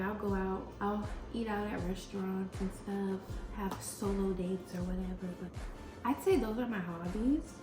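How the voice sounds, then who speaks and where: A young woman vlogger talking casually and informally, with slang and musing questions to herself, as in a Q&A. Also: mid-range voice. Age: young adult. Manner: informal slangy, muses aloud with rhetorical questions. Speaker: YouTuber. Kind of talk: casual chatty Q&A vlog. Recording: roomy echo, music behind. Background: music.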